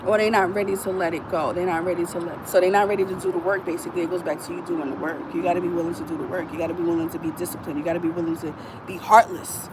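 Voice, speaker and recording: A woman's voice: lowish voice, racing. A woman vlogging a blunt, profane, emphatic monologue, hammering her points with repeats. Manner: animated, repeats lines for emphasis. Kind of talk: casual monologue to camera. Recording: noisy outdoor recording with traffic.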